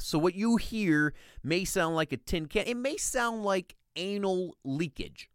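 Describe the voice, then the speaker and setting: A man's voice: a little high, smooth, no room sound, clean studio sound. A man hosting a podcast, giving an informal intro announcement in a jokey, emphatic showman style. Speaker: podcast host.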